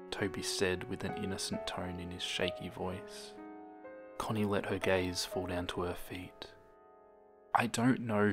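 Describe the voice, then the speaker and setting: Deep, flat-voiced male horror narrator. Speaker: storyteller. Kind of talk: scripted horror story narration. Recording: background music.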